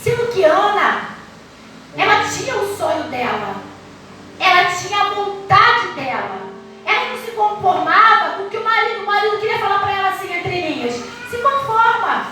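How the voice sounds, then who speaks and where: A middle-aged Brazilian woman pastor preaches with a very high, bright voice, pressing her words and drawing phrases out until they almost become song. Her sermon rings through a big, echoey church hall, heard from some distance from the mic, with soft music beneath it. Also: very animated. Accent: Brazilian Portuguese. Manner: passionate, emphatic, drawn-out preaching with sung-out phrases.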